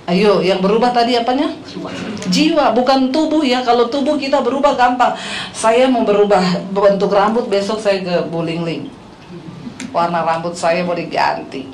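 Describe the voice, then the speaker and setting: A middle-aged woman pastor with an Indonesian accent, preaching a lively, humorous sermon full of stories and questions to the congregation. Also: mid-range voice, normal speed. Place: church hall. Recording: echoey hall with faint noise.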